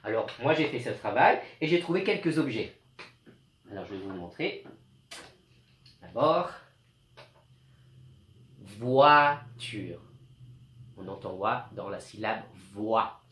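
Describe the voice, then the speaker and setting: A male teacher giving a slow, clear home lesson to young children, speaking patiently. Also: fairly low pitch, lively intonation, fairly bright tone, roomy sound, slight background noise.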